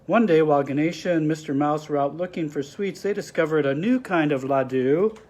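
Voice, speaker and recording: A man's voice: on the high side, brisk, a little mellow. A man reading a picture book aloud to children, explaining the pictures with friendly asides. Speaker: storybook reader.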